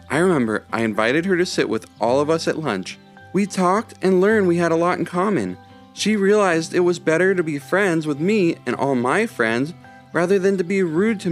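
A man's voice: high voice, expressive, normal speed, soft background music, pitched above the performer's own voice. A man voicing Ivy, a kind young schoolgirl who talks in a chatty, earnest way.

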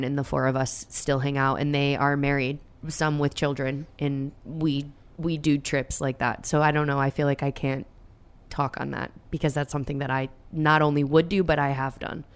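Female co-host, 30s, American, deep-set voice, frank and opinionated in casual chat. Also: level tone, normal speed, clean tone. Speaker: talk show co-host. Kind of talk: casual chat show banter.

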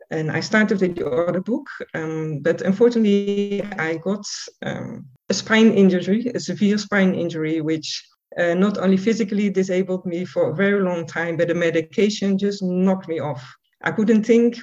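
Answering an interviewer in her second language, English, this woman author sounds sincere but hesitant, with frequent ums. She has a darkish, fairly low voice, captured in muffled, lo-fi quality.

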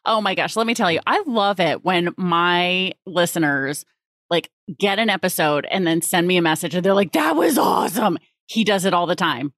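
A woman hosting a podcast, effusive and enthusiastic, chatting warmly with her guest and laughing often. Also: lowish voice, normal speed, dry recording, studio quality. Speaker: podcast host. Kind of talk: podcast interview chat.

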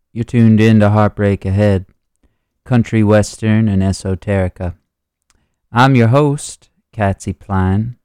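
Slow, smooth, campy male radio host. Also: low-pitched, dark tone, no echo, studio quality. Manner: unhurried, florid poetic delivery. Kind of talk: late-night country music radio hosting.

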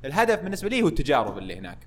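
Loud, fast-talking young man. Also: fairly high pitch. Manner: loud, lively, laughs often. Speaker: podcast guest. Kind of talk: casual chat.

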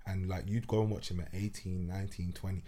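A man's voice: low-pitched, little pitch movement, quick pace, warm tone. A man from South London with a roadman accent, chatting casually in slangy street talk. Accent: South London, urban street. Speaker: former footballer, guest. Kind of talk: casual chat.

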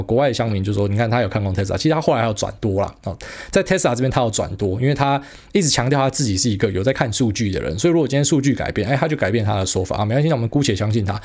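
A man's voice: mid-range voice, a little mellow. A man with a Taiwanese Mandarin accent hosting a podcast, giving casual solo commentary that is blunt and slangy, with frequent fillers and mild swearing. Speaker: podcast host.

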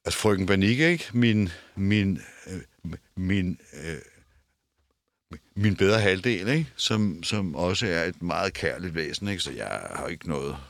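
A man's voice: sits low, lively intonation, no echo. An older man being interviewed in a studio, talking casually and stammering, often repeating words and restarting. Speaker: interview guest. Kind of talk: casual conversation. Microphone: headphones and studio mic.

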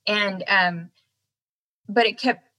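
A woman's voice: medium pitch, slow, bright, forceful tone, poor audio. An American woman in a casual interview, talking out of the side of her mouth so her words come slightly slurred. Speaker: guest singer-songwriter.

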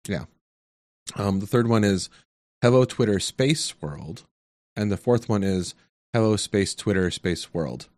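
A man with a low, deep voice works through quiz questions out loud in a relaxed tech chat. He hesitates, fills gaps with ums and talks himself toward an answer. His voice sounds dry and close, with no room echo. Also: unhurried, pauses often. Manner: thinks aloud, hesitant, many ums. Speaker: quiz contestant.

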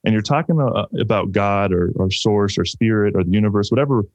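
A man's voice: fairly low pitch, fairly quick, a little mellow, dry recording. A man hosting a podcast, responding affirmingly and reflecting on mindset and spirituality. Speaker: podcast host. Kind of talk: casual chat. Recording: dull dry sound.

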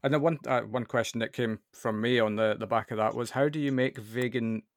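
Host: man, enthusiastic, halting restarts, dry close recording. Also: medium pitch, fairly even intonation, no echo. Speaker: podcast host. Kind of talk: casual interview hosting.

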